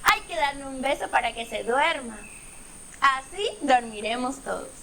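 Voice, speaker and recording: A woman's voice: high-pitched, lively intonation, normal speed, bright, forceful tone, slight background noise, heavily acted. A woman voicing a crying little baby elephant boy, whimpering and pleading.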